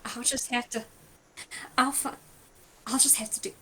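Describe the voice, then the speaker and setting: A woman's voice: a little high, fairly even intonation, moderate pace, pushed and bright, slightly rough. A woman doing a stern folksy nanny. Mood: stubborn. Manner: folksy drawl, insistent denials.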